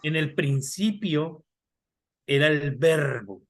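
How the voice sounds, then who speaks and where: A high-pitched man leads a Bible class over a video call. He talks slowly and unhurriedly, often repeating and restarting his words and asking the class questions as he goes. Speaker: Bible study teacher.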